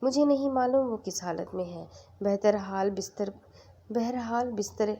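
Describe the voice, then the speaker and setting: A steady, reassuring young husband who keeps his head and speaks evenly, read out by a woman storyteller. The voice has a husky, gravelly grain and sits low and mellow. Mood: earnest. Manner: reassuring, level-headed.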